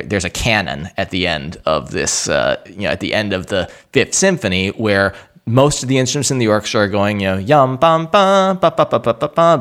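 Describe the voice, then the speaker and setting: Man, lowish voice, podcast guest, rambling, restarts a lot. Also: a bit bright. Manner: rambling, with many restarts and acted-out quotes. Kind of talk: casual chat.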